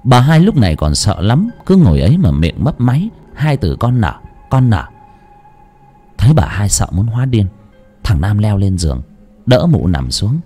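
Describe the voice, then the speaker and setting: A man tells a village horror story with dramatic relish. His voice is dark and husky, swooping widely in pitch. Soft music plays beneath him. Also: sing-song, normal speed. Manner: dramatic, lurid.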